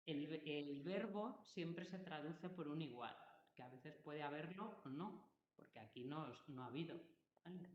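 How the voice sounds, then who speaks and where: In a classroom lesson, a woman teaches math, explaining patiently step by step and checking that her students follow. Her voice is deep, measured in pace and a little mellow, with slight background noise. The recording sounds roomy, dull and lo-fi.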